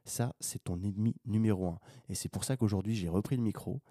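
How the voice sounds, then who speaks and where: Male podcast host, low dark voice, rambling buddy-style monologue, dry close sound. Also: brisk, no room sound. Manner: unscripted, rambling, addresses listener as a buddy, swears casually; animated rises when making a point. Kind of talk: casual solo podcast monologue.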